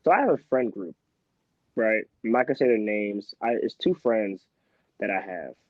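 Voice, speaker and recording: A young man in his twenties from Philadelphia, a guest in a casual interview, telling stories in an animated, emphatic way. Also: lowish voice, normal speed, no echo. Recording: slightly dull, muffled sound.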